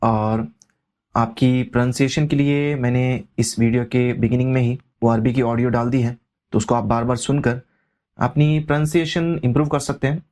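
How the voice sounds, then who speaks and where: Male language tutor, mid-pitched, methodical, glosses each term and repeats it. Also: a little mellow. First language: Urdu. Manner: translates word by word, repeating each meaning. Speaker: Arabic teacher. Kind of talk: explaining vocabulary line by line.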